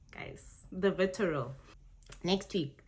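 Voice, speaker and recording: A woman's voice: lowish voice, extremely slow, darkish tone. A young South African woman with a South African accent, reacting casually to tweets in a chatty, self-correcting way, often laughing. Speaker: vlogger.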